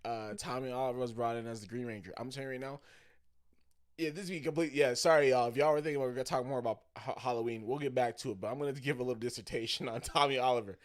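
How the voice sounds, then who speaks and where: A man co-hosting a podcast in casual chat, telling stories with lots of swearing and growing loud and excited as he goes. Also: medium pitch, very fast. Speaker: podcast co-host.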